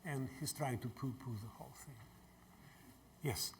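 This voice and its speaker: An older man from Greece, giving a university lecture and taking audience questions in a measured way. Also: mid-range voice, slight background noise. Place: lecture hall.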